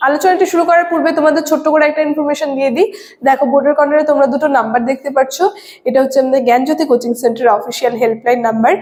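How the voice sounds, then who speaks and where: A woman's voice: sits high, fairly even intonation, very fast, darkish tone. A woman teacher giving a classroom lecture, explaining patiently and often checking in with her students. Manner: explains patiently, often adds tag questions. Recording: echoey room reverb.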